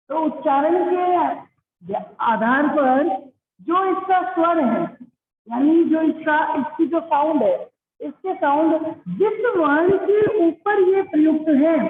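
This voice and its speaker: A woman teacher giving an online class, explaining patiently, asking her pupils questions and calling them "beta". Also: high-pitched. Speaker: Hindi teacher. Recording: echoey, phone-like online class audio.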